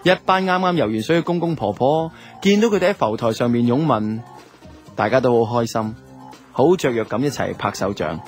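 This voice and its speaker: Speaking a little fast with lively intonation, a man with a Hong Kong Cantonese accent voices a relaxed young man for a radio drama, reflecting colloquially on his love life. His medium-pitched voice sounds natural, and music sits under it.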